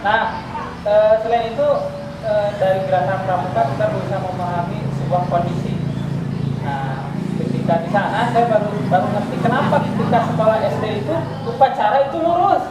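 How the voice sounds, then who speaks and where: A man in his twenties from West Java, a teacher telling school stories in an unhurried, reminiscing way. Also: sits high. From West Java, Indonesia. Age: 20s. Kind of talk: casual school talk. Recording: echoey room, distant mic, noisy.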